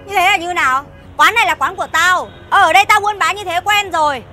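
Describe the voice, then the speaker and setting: Rude, bullying noodle shop owner. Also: female voice, very high voice, a little fast, sharp tone. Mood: scornful. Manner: scornful, insulting, bossy. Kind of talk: web sitcom acting. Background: background music.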